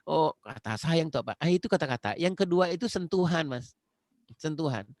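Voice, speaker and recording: Indonesian guy giving a parenting talk over a video call, kinda high voice, dry sound, earnest and repetitive. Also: animated, moderate pace, a little mellow, dry recording. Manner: earnest, repeats phrases, addresses listener directly. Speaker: parenting webinar speaker. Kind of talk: conversational lecture.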